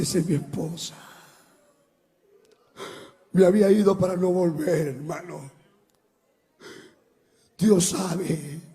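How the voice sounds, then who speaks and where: Dramatic high-voiced gravelly pastor. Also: male voice. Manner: dramatic, swings from shouting to hushed. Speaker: pastor giving testimony. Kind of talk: emotional testimony sermon. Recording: long hall reverb.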